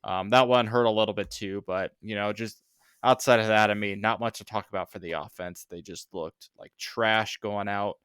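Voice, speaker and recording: Male podcast co-host, low resonant voice, dry close sound, sarcastic and rambling. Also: fairly even intonation, normal speed, fairly bright tone, smooth, dry recording. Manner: sarcastic, rambling with many fillers. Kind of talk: casual sports podcast chat.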